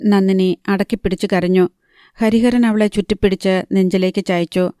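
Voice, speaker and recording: Mellow, even-voiced woman narrating a novel. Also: mid-range voice, clean tone, dry recording, studio quality. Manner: even, measured reading. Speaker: audiobook narrator.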